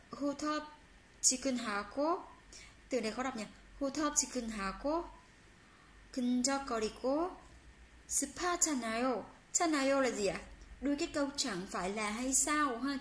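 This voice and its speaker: A woman teaching a language lesson, patiently repeating phrases slowly for learners and reading example sentences quickly. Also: high voice. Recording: roomy with faint background hum.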